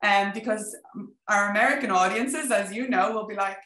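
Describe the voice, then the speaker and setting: A woman in her thirties from Ireland, with a strong Dublin accent and a medium-pitched voice at normal speed, chats animatedly as a business coach guest on a casual video-call interview. She gestures and says "you know" often. She's in an indoor home office, and the room sounds echoey, with slight background noise.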